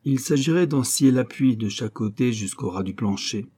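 A man's voice: medium pitch, moderate pace, mellow, husky, lightly acted. A man reading an audiobook and voicing a sly old bailiff's clerk who coaxes and schemes in a knowing, sometimes stern way. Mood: scheming.

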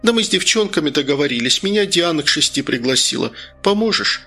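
A woman's voice: low-pitched, animated, quick pace, pushed and bright, slightly rough, faint music behind, heavily acted. A man voicing an earnest young woman who works in a small-town museum and asks favors with a pleading manner. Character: young woman, museum worker, polite but firm.

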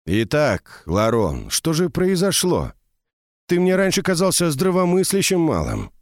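A man's voice: on the high side, wildly swooping pitch, measured pace, dry recording, clean studio sound, voice pushed up. A man reading the part of an ancient male mage who talks in a mocking, teasing way, in an audiobook.

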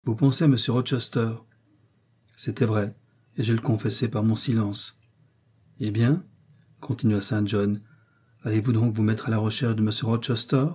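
A man narrating a classic novel as an audiobook reader, in a measured, even reading style. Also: lowish voice, slightly rough. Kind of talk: scripted narration.

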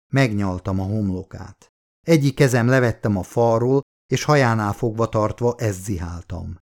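A man reading a literary novel aloud as an audiobook, with measured, expressive first-person narration. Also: fairly low pitch.

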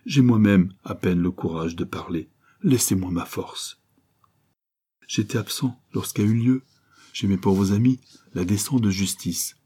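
A man reading aloud voices an old village priest who speaks gravely and wearily. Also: lowish voice, mellow. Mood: weary. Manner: grave, slow and weary.

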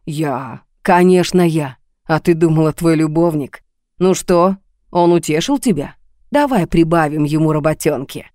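A woman voicing a hoarse, mocking and menacing man in a read-aloud story. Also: sits low, a little slow, darkish tone, no echo, clean studio sound. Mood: taunting. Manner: taunting, menacing.

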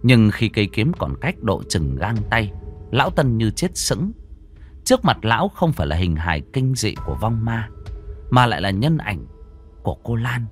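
A man narrating a ghost story theatrically, moving from hushed to urgent. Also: fairly low pitch, sing-song, moderate pace. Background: faint music.

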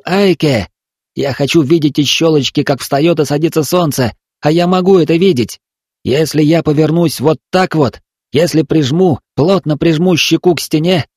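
A man's voice: a little high, a little mellow, no room sound, clean studio sound, voice pushed up, lightly acted. A man voicing a terrified captive boy who begs for help in a frantic, pleading whisper. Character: terrified captive boy being fattened to be eaten.

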